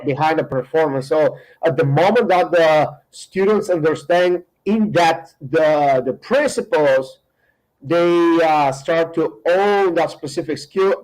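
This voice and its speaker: A middle-aged man with a Bulgarian accent, a guest in a casual podcast interview, speaking haltingly with many fillers and restarts. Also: on the high side, darkish tone, rough recording. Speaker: guest, firearms instructor.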